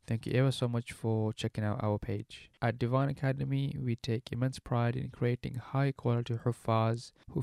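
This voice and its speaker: A man in his twenties from Pakistan, an academy founder reading a formal, measured and courteous scripted promotional voice-over. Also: mid-range voice, vocal fry, darkish tone, no echo, studio quality. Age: 20s.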